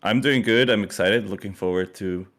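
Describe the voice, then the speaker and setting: A man's voice: lowish voice, moderate pace, a bit bright. A man interviewed as a team commander, upbeat and eager, rambling a bit. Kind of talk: casual interview.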